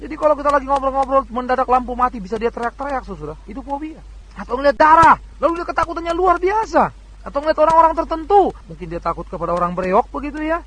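A man preaching a sermon in a lively, conversational way, often turning to his listeners and acting out the voices he quotes. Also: very high-pitched. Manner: animated preaching, addresses listeners as "saudara", acts out quoted voices. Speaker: pastor.

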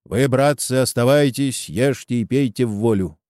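A man's voice: mid-range voice, moderate pace, darkish tone, no room sound, studio quality, close to an everyday voice. A man voicing a persuasive male village headman in a storybook reading, talking heatedly. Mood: urging. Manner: coaxing, heated.

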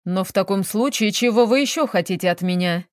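Casting: a woman playing an agitated middle-aged businessman from an audiobook, blustering and whiny, slow, dry recording. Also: mid-range voice, no echo, natural voice. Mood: sullen.

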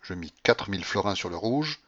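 Lively man reading a classic novel. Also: low-pitched, normal speed. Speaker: audiobook narrator. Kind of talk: literary audiobook narration. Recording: muffled lo-fi recording.

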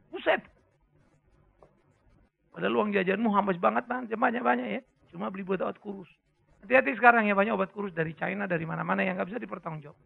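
A man preaching a sermon with an Indonesian accent, lively and joking, breaking into sudden loud bursts. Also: high voice, vocal fry, slightly rough. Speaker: pastor. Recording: tinny phone-like sound.

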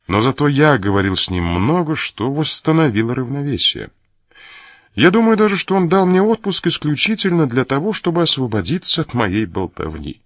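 A man reading the part of a young nobleman who talks to his sister in a gentle, reassuring way. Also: mid-range voice, sing-song, normal speed, no echo, studio quality, pitched above the performer's own voice. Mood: cheerful. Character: young nobleman, caring and lightly joking brother.

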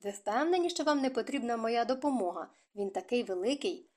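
A spirited young noblewoman speaks frankly and with life, her voice fairly high. A woman reads her in an audiobook. The tone stays earnest and direct. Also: lively intonation, a little fast, a little mellow.

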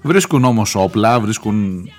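A man's voice: fairly low pitch, lively intonation, a little mellow, faint music behind. A man hosting a radio show, telling a news story in a chatty, joking way. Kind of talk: casual current-affairs commentary.

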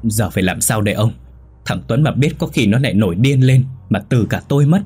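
A man voicing a domineering old woman, the mistress of the house, who scolds and shouts at servants. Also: on the low side, moderate pace, breathy edge. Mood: alarmed.

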